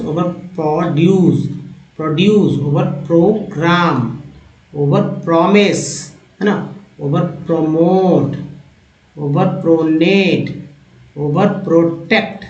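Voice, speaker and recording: A man teaching English, slowly reading out word lists and repeating each word for his learners. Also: fairly high pitch. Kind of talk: slow word-by-word reading lesson. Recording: echoey, dull lo-fi room sound.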